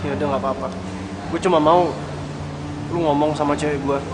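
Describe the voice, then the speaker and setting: An actor playing a young man who talks quickly and pleads to explain himself when accused. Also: a little high, steady tone, background noise, close to an everyday voice. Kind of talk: Indonesian TV film acting. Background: background music.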